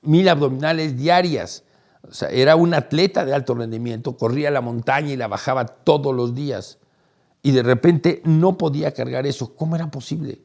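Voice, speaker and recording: A middle-aged man, hosting and telling a personal story in a casual, animated way. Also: medium pitch, normal speed, vocal fry. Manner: animated, acts out quoted voices, laughs while telling. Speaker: host, storyteller.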